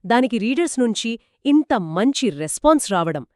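Lively, high-voiced woman podcast co-host. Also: moderate pace, dry recording, studio quality. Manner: explains and sums up reader reviews. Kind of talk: book discussion podcast.

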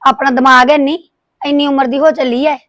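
A woman playing a tailor with young children who feels wronged by her gossiping neighbors, complaining in a rapid, indignant way. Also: high-pitched, little pitch movement, fairly bright tone, no echo. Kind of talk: domestic drama acting.

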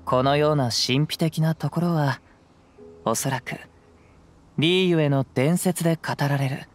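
A male actor playing a gentle, poetic young wandering samurai in a video game, speaking calm, measured, old-fashioned samurai Japanese. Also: a little high, close to an everyday voice. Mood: calm, reflective. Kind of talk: scripted game dialogue. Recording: clean voice over background music.

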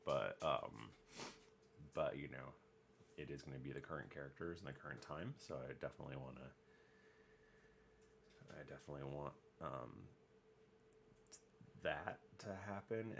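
A man with an extremely low, gravelly voice talks casually while working on a craft project. He rambles, circles back and restarts his sentences often. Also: slight background noise. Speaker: podcast listener and crafter.

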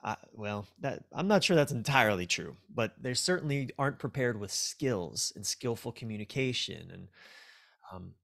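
He has a mid-range voice with lively intonation, a normal speed, some creak, and a slight brightness. An American relationship coach in his forties, he's a podcast guest in a casual, frank interview, reflective and prone to swearing, on video from a small, dim indoor room.

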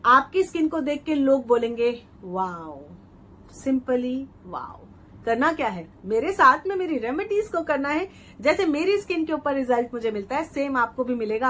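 A woman's voice: high voice, fairly bright tone, slight background noise. A middle-aged woman vlogger giving a chatty, persuasive home-remedy skincare tutorial, often repeating her steps. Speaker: beauty vlogger.

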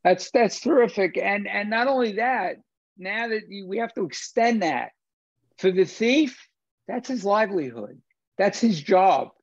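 Heard over a video call through a computer at desk distance, the audio is dull and lo-fi, with no echo. The speaker is a man in his 60s or 70s with a high, animated voice and a measured pace. A film discussion host and lecturer, he's emphatic and repeats phrases for stress.

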